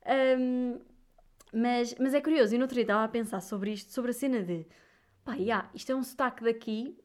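Chatty ranting Portuguese woman, fairly high voice. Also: normal speed. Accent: European Portuguese. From Viseu, Portugal. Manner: animated, ranting, lots of "epá" and "pá" fillers. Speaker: vlogger. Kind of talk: casual chat.

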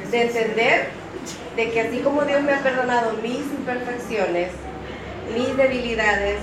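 A woman giving an earnest, reflective testimony in a church service. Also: on the high side. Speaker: pastor's wife. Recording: roomy, distant mic, noise.

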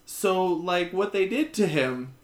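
A young adult chatting casually, making dry jokes and quick asides. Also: medium pitch, lively intonation, reverberant. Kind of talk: casual chat.

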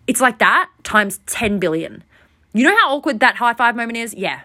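A young woman hosting a podcast, telling a rambling, self-deprecating story in a casual, animated way. She sounds overtired. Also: a little high, moderate pace. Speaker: podcast host.

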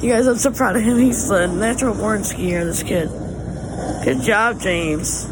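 A woman with a Southern US accent chatting casually to viewers as a family vlogger, in a drawling, folksy, encouraging way. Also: measured pace. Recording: noisy handheld recording with vehicle rumble.

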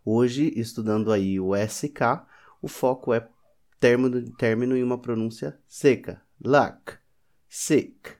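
A man's voice: medium pitch, steady tone, measured pace, darkish tone. A man whose first language is Portuguese, teaching English pronunciation in a lesson and patiently repeating each example word several times.

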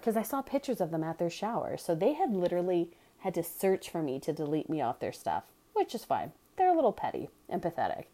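A woman's voice: on the low side, mellow. A woman candidly telling a personal story in casual chat, blunt and chatty with sarcastic asides.

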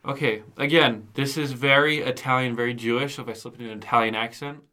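A young man with a bright, forward voice co-hosts a relaxed movie review show. He talks playfully with his partner and laughs often. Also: medium pitch, fast talker. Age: young adult. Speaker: podcast co-host. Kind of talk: casual movie review chat.

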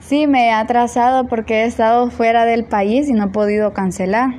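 Woman on a polite customer call, highish voice, bit of background noise. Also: steady tone, normal speed, darkish tone. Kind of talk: polite phone-call conversation.

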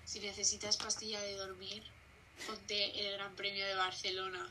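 A young woman from co-hosts a podcast, joking and chiming in with quick, sympathetic reactions. Her voice is middle-pitched, and it is heard over a clearly noisy background hiss. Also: completely flat delivery, bright, forceful tone. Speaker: podcast co-host. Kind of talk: casual chat.

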